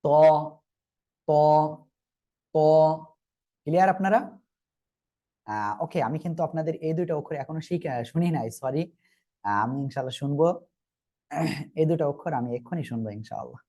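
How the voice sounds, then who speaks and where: A man speaks fast and animatedly, pausing often, in a slightly high, darkish voice with a Bangladeshi Bengali accent. He's teaching Arabic letters in a Quran reading lesson, patiently repeating and checking that learners follow.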